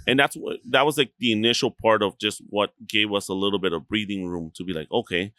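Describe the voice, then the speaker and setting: A man's voice: on the low side, fairly even intonation, fairly quick, fairly bright tone, no room sound, studio quality. A man from Chihuahua, Mexico, a restaurant co-owner talking casually as a podcast guest, rambling with lots of fillers and swearing freely.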